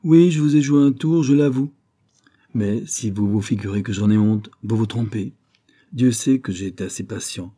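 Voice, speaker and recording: Jealous bullying rich guy, man reading him, blustery, husky low voice. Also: moderate pace, warm tone, close to an everyday voice. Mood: angry resentment. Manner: resentful, blustering and insistent. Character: jealous, bullying middle-aged rich husband.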